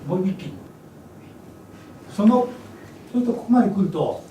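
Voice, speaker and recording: A man's voice: sits high, expressive, moderate pace, warm tone. A man leading an English speech workshop, lecturing energetically and breaking into English demonstrations. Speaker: workshop instructor. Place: event hall. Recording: echoey hall from far off, noisy.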